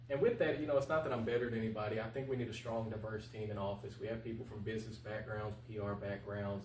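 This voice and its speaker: A man with a lowish, somewhat dark voice speaks informally as an interview guest and political candidate, coming across as earnest and plain-spoken. The recording is echoey, with a distant mic and faint noise.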